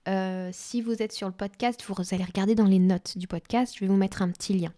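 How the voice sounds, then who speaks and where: A woman's voice: medium pitch, steady tone, brisk, warm tone. A woman life coach talking in an enthusiastic, chatty podcast monologue with spiritual wording.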